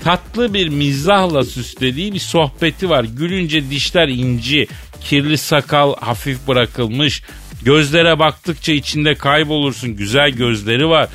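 A man's voice: a little high, a little slow, a bit bright, soft background music. A man hosting a comic radio show, playful and theatrical, drawing out words for effect.

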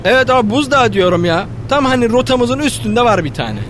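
An actor playing an anxious, nagging second captain in a comic radio play, speaking in fretful everyday slang. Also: male voice, big pitch swings, fairly quick. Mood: worried. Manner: fretful, colloquial. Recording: noisy background with rumble.

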